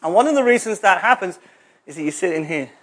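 A man's voice: high-pitched, animated, fast, fairly bright tone. A man preaching a sermon in a church hall, conversational and jokey, with asides to the congregation.

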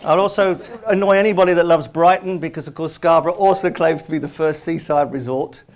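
A man's voice: a little high, steady tone, fairly quick. A man with a London Estuary English accent preaching a conversational sermon in an informal, chatty way. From London, England. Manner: informal, chatty, lightly joking. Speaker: visiting preacher.

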